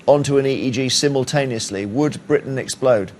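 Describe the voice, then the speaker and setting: A man's voice: mid-range voice, brisk, a little mellow, a little hiss or hum. A man hosting a TV quiz show, reading questions and bantering with the contestants in a teasing way. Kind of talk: TV quiz presenting.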